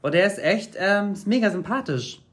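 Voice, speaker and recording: A man's voice: sits high, expressive, normal speed. A young man co-hosting a casual podcast chat, gossipy and laughing. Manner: gossipy, laughing, camp banter. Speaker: podcast co-host.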